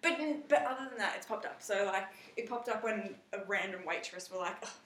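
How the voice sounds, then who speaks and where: A woman's voice: medium pitch, brisk, fairly bright tone. A young woman, a podcast co-host chatting casually and ranting about her topic. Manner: chatty, ranting, quotes others in put-on voices. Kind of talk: casual chat. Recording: echoey room, mic at a distance.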